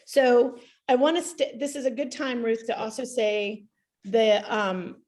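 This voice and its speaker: A woman's voice: on the high side, fairly even intonation, measured pace, a little mellow. A woman answering a student's question in a live online class, talking casually and often restarting her sentences. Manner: chatty, self-interrupting, restarts sentences. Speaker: energy practitioner teaching a class. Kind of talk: live Q&A teaching, casual explanation.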